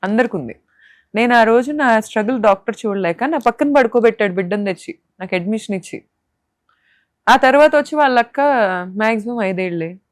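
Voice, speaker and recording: This emotional interview testimony comes from a young woman of Andhra Pradesh, India, whose voice sits on the high side, expressive and brisk. She speaks with passionate indignation and pointed rhetorical questions, recorded in clean studio sound with no echo.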